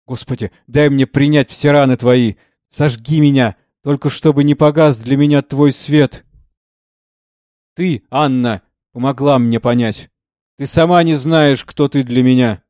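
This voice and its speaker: A man's voice: medium pitch, fairly even intonation, a little slow, a little mellow, no room sound, studio quality, close to an everyday voice. A man reading the part of a tormented, impassioned man who trembles as he pleads. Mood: fervent. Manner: fervent, trembling.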